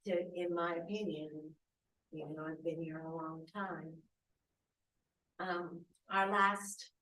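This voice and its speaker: A woman speaking as a council member, pausing and groping for words as she talks. Her voice sits a bit low and comes from well back from the microphone, with the echo of a hall around it. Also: a bit bright. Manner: halting, searching for words. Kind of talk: public meeting remarks. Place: council chamber. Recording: echoey hall, far from mic.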